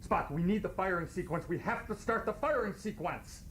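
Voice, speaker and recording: A woman's voice: medium pitch, lively intonation, brisk, slight background noise, lightly acted. A woman playing a blunt, demanding acting teacher in a naturalistic short film, direct and coaxing. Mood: urgent.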